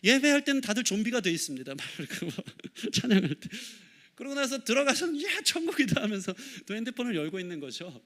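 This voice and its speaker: Bright high-voiced man preaching. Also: quick pace. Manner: animated storytelling, acting out his kids and himself. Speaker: pastor. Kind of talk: sermon. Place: church sanctuary.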